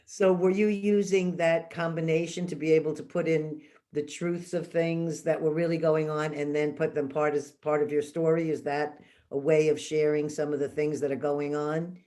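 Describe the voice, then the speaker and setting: A woman's voice: low-pitched, level tone, normal speed, hardly any pauses, warm tone. A woman hosting a podcast interview, asking long, winding questions with curiosity. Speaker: podcast host.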